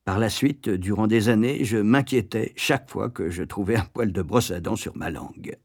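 A man narrating a memoir as an audiobook, with expressive, lively storytelling. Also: on the low side, normal speed, no echo, clean studio sound.

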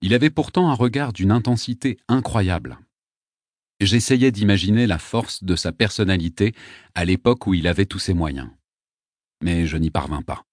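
A man reading a novel aloud as an audiobook narrator, in a measured, even way. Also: low voice, no room sound, studio quality. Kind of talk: scripted narration.

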